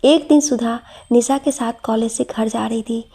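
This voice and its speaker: A woman telling an emotional story in a steady manner. Her voice is husky and mellow, pitched fairly high. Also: moderate pace. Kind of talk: storybook narration.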